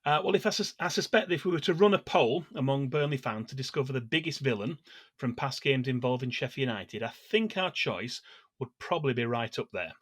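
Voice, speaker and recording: A man co-hosting a football fan podcast, calmly reading prepared notes on past matches with small hesitations and fillers. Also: medium pitch, breathy edge, no echo, clean studio sound. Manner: measured, steady delivery of scripted match history with small hesitations. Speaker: podcast co-host.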